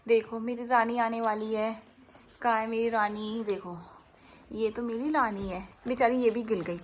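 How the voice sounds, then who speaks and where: A woman's voice: a little high, fairly even intonation, normal speed, a little hiss or hum, close to an everyday voice. A woman voicing a cheerful, chatty baby girl, narrating a vlog in the first person in sweet, sing-song baby talk. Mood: playful.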